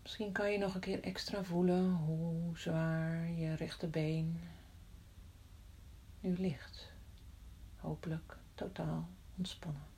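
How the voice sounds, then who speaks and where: A woman guiding a body-scan meditation in a soft, often whispered voice, slow and calm with long pauses. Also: lowish voice. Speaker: meditation guide.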